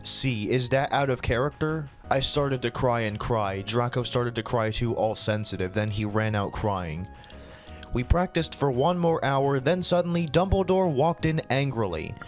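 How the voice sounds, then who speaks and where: A man's voice: medium pitch, normal speed, faint music behind. A man hosting his channel, reading fan fiction aloud with swearing and exasperated asides. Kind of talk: comedic dramatic reading.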